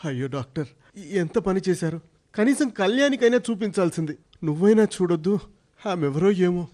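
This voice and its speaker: A man's voice: high-pitched, lively intonation, brisk, mellow. A man playing a remorseful grown son who breaks into sobbing outbursts over his mother. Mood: weak, puzzled. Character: remorseful adult son, grief-stricken and frantic.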